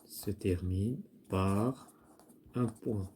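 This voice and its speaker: A man teaching a primary-school French grammar lesson, explaining slowly and repeating himself while he writes out the examples. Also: on the low side, mellow, a little hiss or hum. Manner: slow, repetitive explaining with restarts and fillers.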